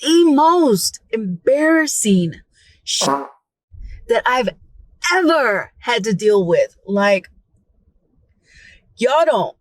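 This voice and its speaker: A woman's voice: on the high side, very slow, pauses often, no echo, poor audio. A young woman telling a casual, profane story from her own life, acting out what people said with gasps and whispers. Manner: animated, profane, acts out quotes with gasps and whispers. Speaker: storytime vlogger. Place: Florida.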